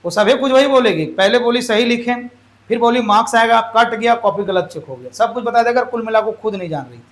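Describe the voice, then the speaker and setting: A man's voice: very high-pitched, a little fast. A man teaching an English grammar lesson, firing questions at the class and having them repeat the answers. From Jharkhand, India.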